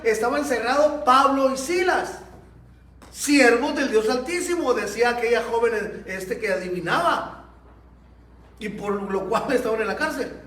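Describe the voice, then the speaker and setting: A man's voice: extremely high pitch, a bit bright. A man preaching a Sunday school sermon in a church, telling stories with animation and speaking straight to the congregation. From Mexico. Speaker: pastor. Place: church hall. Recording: echoey church room, mic at a distance.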